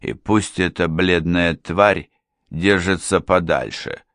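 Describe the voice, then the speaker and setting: A man's voice: low-pitched, steady tone, takes it slowly, fairly bright tone, dry recording, clean studio sound, heavily acted. A man doing a sneering, cold impostor preacher. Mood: contemptuous. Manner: insolent, cold, contemptuous. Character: sneering scheming middle-aged male impostor preacher.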